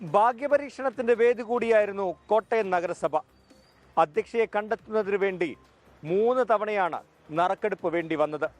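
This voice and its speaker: A man reporting a news package as scripted voice-over, in a measured, emphatic delivery. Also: high voice, soft background music.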